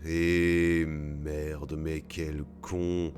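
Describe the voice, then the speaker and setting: A man with an extremely deep voice talks through a horror game in a loose, joking commentary, swearing now and then at his mistakes. Faint game music plays underneath. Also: level tone, very slow, a little mellow. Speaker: let's play gamer. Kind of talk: casual gameplay commentary.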